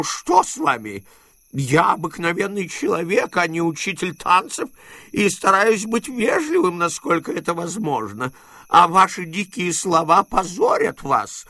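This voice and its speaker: In a storybook reading, a man puts on a frightened old miser, an uncle who pleads and blusters. The voice sits high and leaps all over the place. The sound is dry and close. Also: huge pitch swings, sharp tone, no room sound, exaggerated voice. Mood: nervous, blustering. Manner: shrill, pleading, quick to bluster.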